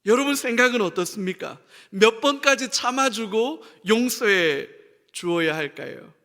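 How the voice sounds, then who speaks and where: High, lively male preacher in a hall. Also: a little slow. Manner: animated, asks the congregation questions, acts out quoted voices. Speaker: senior pastor. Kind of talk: sermon. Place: church sanctuary.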